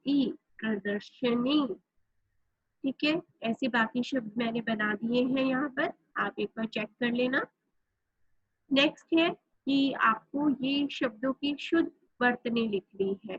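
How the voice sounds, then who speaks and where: A high-voiced woman teaching grammar at an unhurried pace, checking in with her class after nearly every point. Her voice is a little husky, and the recording is dry and somewhat dull. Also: dry recording. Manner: explains step by step, often says "theek hai"; spells out words letter by letter. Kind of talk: Hindi grammar lesson.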